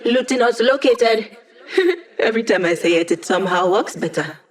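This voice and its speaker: A woman's voice: on the high side, expressive, moderate pace, natural voice. Hack, quirky young AI hacker played by a woman. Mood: confident, helpful. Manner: playful, wry, conversational. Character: quirky, upbeat young female AI hacker, wry. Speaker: video game voice actor. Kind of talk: scripted video game character dialogue.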